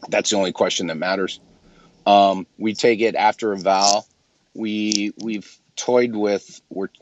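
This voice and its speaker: A man who runs a clinic, talking casually and emphatically in a group discussion, often clearing his throat. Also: low-pitched, muffled recording. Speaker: clinic owner.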